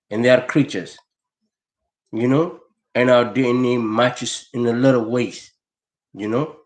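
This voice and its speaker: A man delivering a rambling, profane, heated monologue, often repeating words as he searches for them. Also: mid-range voice. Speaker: vlogger. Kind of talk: unscripted monologue rant. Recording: echoey room.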